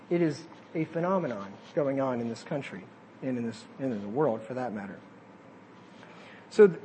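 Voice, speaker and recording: A man's voice: sits high, a little mellow, a little hiss or hum. A man preaching a sermon, reading quotes aloud and breaking off to add casual asides.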